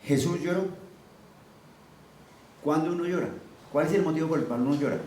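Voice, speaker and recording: A man's voice: fairly high pitch, a little fast, darkish tone, distant mic. Man, preacher, teaching sermon, questions to listeners, roomy echo, faint background noise.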